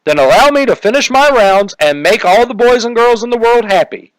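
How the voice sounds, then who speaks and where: A man's voice: extremely high pitch, expressive, a little fast, clean tone, dry recording, pitched above the performer's own voice, poor audio. A man voicing a jolly, exclaiming old Santa Claus in a comedic radio detective parody, with music behind. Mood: earnest. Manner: exuberant, exclaiming.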